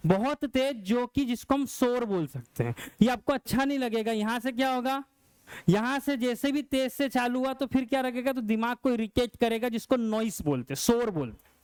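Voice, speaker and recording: High-voiced man teaching a science lesson. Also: normal speed, a little mellow, clean tone, no echo. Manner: repeats questions and answers them himself. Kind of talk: classroom lecture.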